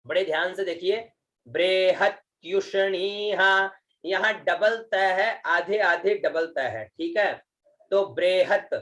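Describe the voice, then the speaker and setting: A man whose voice sits high with a fairly bright tone teaches Vedic chanting online. He speaks slowly and patiently, repeating words and drawing out chanted syllables, and frequently checks in with his students.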